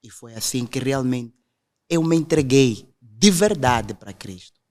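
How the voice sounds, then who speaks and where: A man's voice: mid-range voice, expressive, unhurried, a little mellow. A young man, earnestly telling his conversion testimony in a podcast conversation. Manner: earnest storytelling, quotes others directly.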